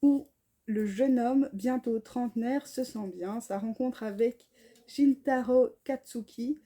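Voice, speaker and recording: Husky-voiced woman chatting about her books, stumbles on names, sounds a bit tired. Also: a little high, slow, mellow. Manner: chatty, reads blurbs aloud with stumbles over names. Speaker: book vlogger. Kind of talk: casual chat.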